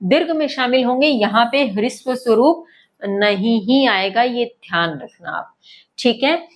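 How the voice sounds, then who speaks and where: A woman's voice: on the high side, lively intonation, a little slow. A woman teaching a lesson to schoolchildren, speaking patiently, repeating points and checking that they follow. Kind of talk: online lesson.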